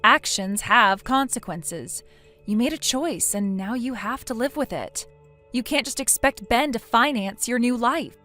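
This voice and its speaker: This is a blunt female friend who scolds and lectures without softening anything. A text-to-speech woman reads her in a slightly high voice. Faint music plays underneath. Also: lively intonation, measured pace. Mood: scolding. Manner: stern, lecturing.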